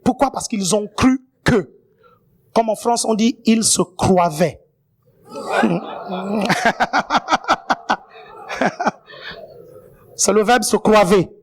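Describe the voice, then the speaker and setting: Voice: medium pitch, a little slow, a little mellow. Preacher constantly checking in with congregation. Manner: playful asides and jokes. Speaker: guest preacher. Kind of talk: sermon to a congregation.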